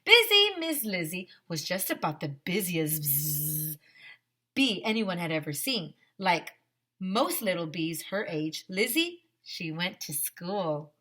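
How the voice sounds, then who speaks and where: A woman teacher reads a picture book aloud to young children, animating the story with exaggerated emphasis, asides, and questions aimed right at her listeners. Her lowish voice is sing-song, bright, and forceful, and she keeps a slow pace.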